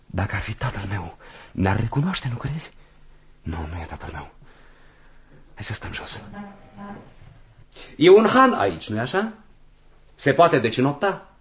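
An actor playing an anxious, brooding young soldier in a radio play, musing and sometimes whispering. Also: male voice, mid-range voice, very animated, long pauses, a little hiss or hum. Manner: brooding, shifts to hushed whispers and loud outbursts. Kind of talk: radio drama acting. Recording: dull lo-fi radio recording.

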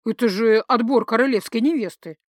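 A woman's voice: fairly high pitch, fairly quick, no room sound, studio quality, natural voice. A woman doing a polite magical recruiter man. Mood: earnest.

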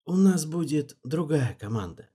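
A man reading the part of an unsure young ruler who talks hesitantly and gently. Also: a little high, lively intonation, measured pace, breathy edge, voice pushed up.

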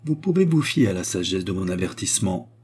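A man's voice: sits low, sing-song, fairly quick, darkish tone, husky, full character voice. A man reading the part of a talkative, good-natured young male peasant, speaking eagerly and earnestly.

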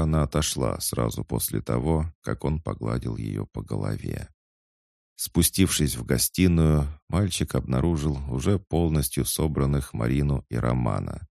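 A man reads an audiobook in an even, storytelling manner. His voice is very deep with a gravelly grain. The recording is dry and close. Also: no echo. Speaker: audiobook narrator. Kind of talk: scripted narration.

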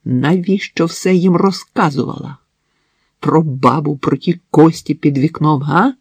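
A drunk, brutal husband, as a male audiobook reader puts him on, sneering and drawing out his threats slowly. The voice is husky and close, with no room around it. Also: a little high, no room sound. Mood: menacing. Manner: slow, menacing, mocking. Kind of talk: audiobook narration.

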